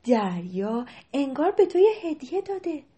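A woman voicing a patient, cheerful father in a storybook reading, speaking slowly and reassuringly. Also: sits high, big pitch swings, warm tone.

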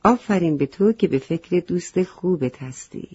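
Woman doing the wise old hoopoe of a storybook, calm and measured, warm breathy voice. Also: lowish voice, no echo. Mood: kind. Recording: slightly muffled lo-fi recording.

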